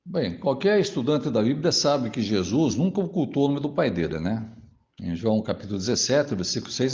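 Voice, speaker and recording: A man's voice: medium pitch, darkish tone. A man, a Jehovah's Witness answering a pastor in a recorded monologue. He speaks formally to the listener, often adds "né?" to his sentences, and reads scripture passages aloud. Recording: dull, lo-fi audio.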